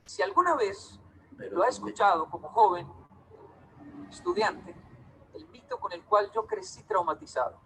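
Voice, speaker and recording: A man's voice: high voice, big pitch swings, unhurried, long pauses, pushed and bright, a little hiss or hum, rough recording. A man from Colombia, giving a storytelling talk to a live audience and acting out quoted dialogue in different voices. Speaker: public speaker.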